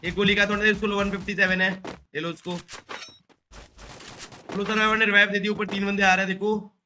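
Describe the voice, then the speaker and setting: A man's voice: sits high, brisk. A man streaming a team shooter, calling out enemies and moves to his squad. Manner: excited callouts to teammates. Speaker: gamer streaming a squad match. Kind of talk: live gameplay chat. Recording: noisy game audio behind.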